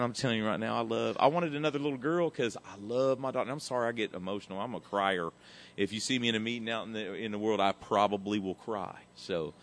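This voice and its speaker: Man, 30s, low-pitched; candid and emotional recovery testimony, rambling and salty. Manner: emotional, rambling, says "man" a lot, swears casually. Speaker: recovery speaker sharing his story.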